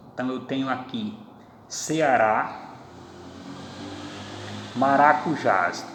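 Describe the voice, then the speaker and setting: A man teaching a grammar lesson, speaking slowly and deliberately and stretching out each example word. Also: medium pitch, a little hiss or hum. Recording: echoey room with long reverb.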